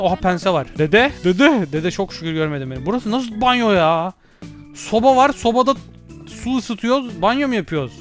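A young man playing an escape game, chatting to himself and yelling when he gets chased. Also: high-pitched. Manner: excitable, yells and shrieks when chased; talks to himself and to game characters. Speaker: gaming YouTuber. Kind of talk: playing a horror escape game live, casual chat. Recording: faint game music behind.

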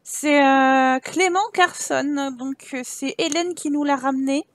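High-voiced woman, chatty game commentary. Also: slow, dry recording. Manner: chatty, teasing her characters with exclamations. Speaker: let's play host. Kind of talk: casual gameplay commentary.

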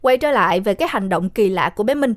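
A woman's voice: medium pitch, expressive, fast. A young woman, retelling a horror film in a chatty way, talking straight to her listeners. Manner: chatty, addresses listeners directly. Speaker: storyteller recapping a horror film. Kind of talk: casual spoken retelling.

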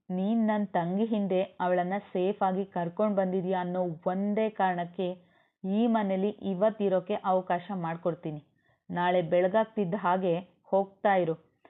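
A woman's voice: on the low side, close to an everyday voice. A woman voicing a protective young man, a stern older brother who speaks bluntly and commandingly. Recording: tinny phone-like audio.

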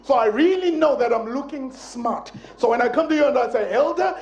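A male guest preacher delivering a sermon in a church, playful and animated, acting out quotes with bursts of emphasis. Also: very high voice, fairly quick, lo-fi sound. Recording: echoey church sanctuary.

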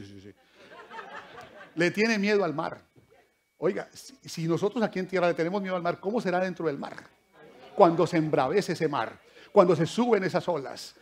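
A pastor preaching a sermon in church, swinging from loud exclamations to soft asides and keeping up direct address to his listeners as brothers. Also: high voice.

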